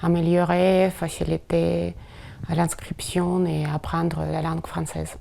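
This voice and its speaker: A Ukrainian woman in her thirties answering interview questions in French, her second language, halting often with pauses and fillers. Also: fairly low pitch, flat delivery, creaky, mellow. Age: 30s. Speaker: interpreter guest.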